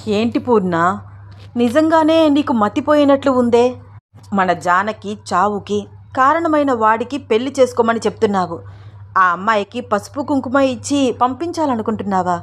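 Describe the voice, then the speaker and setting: A woman's voice: on the high side, lively intonation, moderate pace. Woman playing an old husband firing off questions, raised voice and worked up, story reading. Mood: agitated. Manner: pressing, questioning. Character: older husband, bewildered and agitated man.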